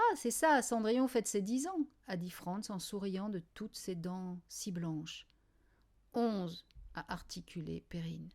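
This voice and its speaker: A woman narrating a children's novel in the first person, in a quiet, wry diary style. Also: medium pitch. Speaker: audiobook reader.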